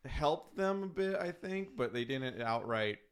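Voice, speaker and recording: A man's voice: medium pitch, animated, measured pace, smooth. A young man hosting a casual chat show, talking enthusiastically and rambling. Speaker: podcast host.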